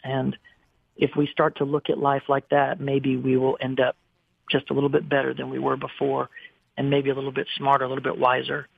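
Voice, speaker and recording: His medium-pitched voice is gravelly with a breathy edge, monotone and a little fast. A guest singer in his forties, he recounts personal stories on a radio interview in an earnest, emotional way, often restarting, over a dry, phone-like line.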